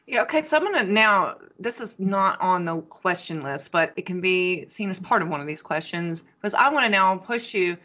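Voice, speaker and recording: A woman hosting an academic interview, a sociology teacher who talks with enthusiasm and animated asides. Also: lowish voice, moderate pace, few pauses. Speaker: podcast host, sociology teacher.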